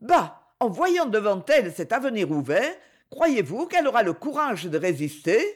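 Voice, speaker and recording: A jealous, sarcastic young lady of the nobility speaking with barbed irony, as a woman narrator voices her. Her voice sits raised and swings with lively pitch. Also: normal speed. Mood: ironic. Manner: ironic, sarcastic. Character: ironic, jealous young noblewoman.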